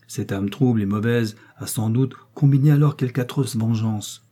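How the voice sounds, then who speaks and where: Man voicing remorseful young prince, fervent, pleading, warm husky tone, storybook reading. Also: mid-range voice, normal speed, close to an everyday voice.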